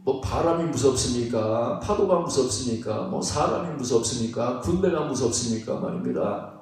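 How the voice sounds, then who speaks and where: A man's voice: fairly high pitch, darkish tone. A male pastor preaching a sermon, conversational and emphatic, often asking the congregation rhetorical questions. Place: church sanctuary. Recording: echoey church sanctuary, distant mic.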